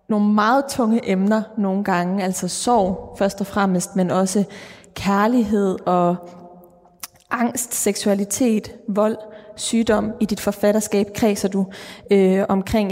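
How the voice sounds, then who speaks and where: A woman radio host asks an author thoughtful questions and often pauses to search for words. She is recorded in a large church, and a long reverb follows her voice. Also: mid-range voice, a little mellow. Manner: hesitant, thoughtful questioning with fillers. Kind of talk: radio interview.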